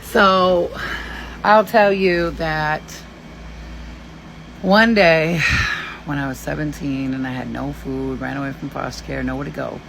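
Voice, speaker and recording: A woman in her forties from Kentucky telling a story in a blunt, profane and animated way. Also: deep voice, a little slow, vocal fry, long pauses, slight background noise, rough recording. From Kentucky, USA. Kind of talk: casual storytelling.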